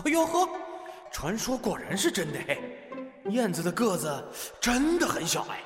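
A pompous ancient king, high-voiced and swooping all over the place, as a man acts him out. He mocks, blusters and huffs in a storybook audio drama. The voice rings with a long reverb over faint music. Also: sing-song, unhurried, a bit bright, heavily acted. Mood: mocking. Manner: theatrical, swinging pitch, mocking then sheepish. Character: vain, blustering ancient king, quick to mock.

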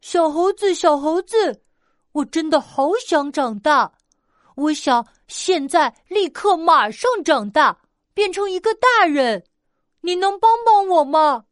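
A high, childlike bear cub, voiced by a woman in a storybook, impatient and whiny with longing to grow up. The delivery is slow and drawn out, in a dry, close sound. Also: lively intonation, dry recording. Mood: wishful.

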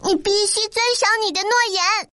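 A woman's voice: high-pitched, expressive, a little slow, no echo, studio quality. A woman reading a storybook aloud and voicing a brave, determined young girl who speaks firmly and insistently. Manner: firm and insistent.

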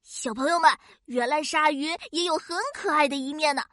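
A woman voicing an excitable, childlike host of a children's science cartoon, wide-eyed and exclaiming to her young audience. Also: sits high, normal speed, dry recording, studio quality. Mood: cheerful. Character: Qiqi, excitable childlike friendly kids' science show host.

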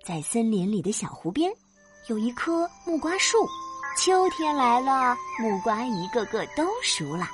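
A woman telling a children's story as a mother, playful and animated, with sound words. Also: on the high side, unhurried. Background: children's background music.

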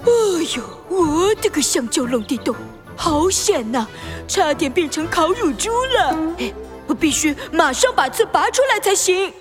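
A woman voicing a plucky, excitable little boy pig hero in a children's audio story, with an eager, childlike delivery. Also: sits high, normal speed, over music. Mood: startled, eager.

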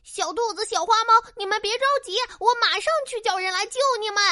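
A woman voicing a loud, eager little crow in a children's bedtime story, in a high childlike voice. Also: unhurried, exaggerated voice. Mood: urgent.

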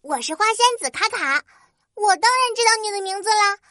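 Tiny fairy girl, very high piping voice, bright, bossy, petulant, children's storybook. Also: expressive, a little fast, no room sound, studio quality, heavily acted. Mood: indignant. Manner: petulant, complaining, emphatic. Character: tiny bossy flower fairy girl, hot-tempered, scolding.

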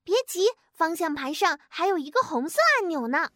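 Woman doing squeaky little mouse kids. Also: moderate pace, fairly bright tone, no echo, studio quality. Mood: excited. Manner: eager, squealing, childlike. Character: three small excitable mouse siblings, young kids. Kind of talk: children's storybook reading.

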